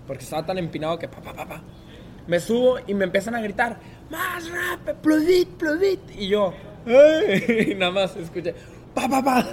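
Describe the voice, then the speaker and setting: Young Mexican man, slightly high voice, animated storyteller; faint rumble behind. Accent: Mexican Spanish. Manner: lively storyteller who acts out other people's lines. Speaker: guest. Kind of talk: casual storytelling interview.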